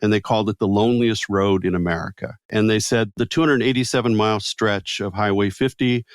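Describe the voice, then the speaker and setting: An older man, a guest author and former magazine publisher, telling stories in a relaxed interview with frequent fillers and restarts. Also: on the low side, clean tone, no echo, clean studio sound.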